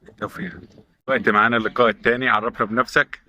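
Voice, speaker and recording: Brisk fast-talking Egyptian man interviewer. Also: mid-range voice, fairly even intonation, sharp tone. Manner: brisk, repeats answers back. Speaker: interviewer at a youth football academy. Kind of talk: rapid-fire question interview.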